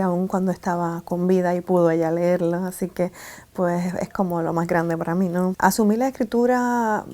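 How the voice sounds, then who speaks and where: A Puerto Rican woman, a writer, talks about her books at an even pace, pausing often with fillers. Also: medium pitch. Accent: Puerto Rican Spanish. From Puerto Rico. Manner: measured, with many hesitant fillers. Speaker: writer and poet. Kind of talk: conversational interview answer.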